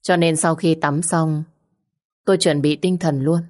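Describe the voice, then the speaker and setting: Low-voiced woman narrating a story. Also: unhurried. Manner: steady, reflective storytelling. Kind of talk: first-person story narration.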